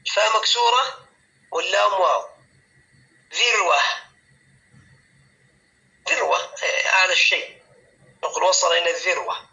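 A male teacher leads a classroom grammar lesson with a high voice and a very bright, sharp tone. He goes patiently, repeats key words slowly and often asks his students whether they follow. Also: dull audio.

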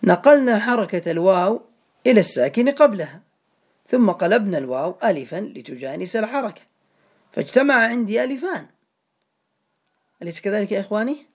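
A man's voice: sits high, lively intonation, fairly quick, pauses often. A man teaching a grammar lesson to a class, patiently repeating each step and calling on students by name.

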